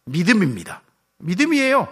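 A man's voice: high-pitched, huge pitch swings, a little fast, a bit bright, husky. A male pastor preaching a sermon, asking rhetorical questions and dropping his voice at the ends of phrases.

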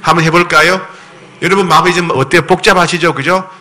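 A man preaching a sermon as pastor. He keeps asking the congregation questions, reads scripture slowly and solemnly, and acts out the voices in the story. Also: on the high side. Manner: animated, often asks the congregation questions; slow, solemn scripture reading.

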